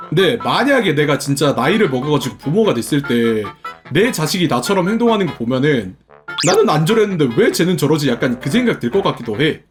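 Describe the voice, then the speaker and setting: A young man sits in his room at home and chats casually with his viewers, thinking out loud in a playful way. His voice sits a little high and swings widely in pitch, full of animation. Soft background music plays faintly beneath him. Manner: chatty, playful, muses aloud. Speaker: streamer.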